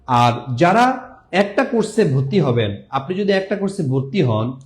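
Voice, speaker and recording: A man's voice: fairly high pitch, normal speed. A man teaching an exam-prep lesson, repeating words and chanting memory tricks. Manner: lively, sing-song mnemonics, repeats words.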